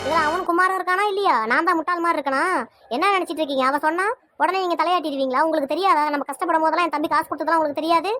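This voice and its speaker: A woman's voice: very high-pitched, very fast, sharp tone, dry recording, faint music behind. A woman voicing a nagging cartoon mother. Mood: angry. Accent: Tirunelveli Tamil. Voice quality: nagging, sarcastic. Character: angry mother siding with her brother. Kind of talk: cartoon voice acting.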